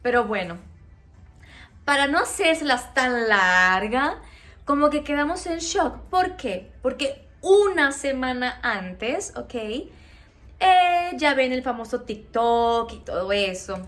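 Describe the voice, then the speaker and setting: A woman with a Mexican accent speaks in a high voice, unhurried and drawn out. She tells a personal story to her viewers in a chatty, animated way. She keeps checking in with them as she goes. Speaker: vlogger. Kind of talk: casual storytime.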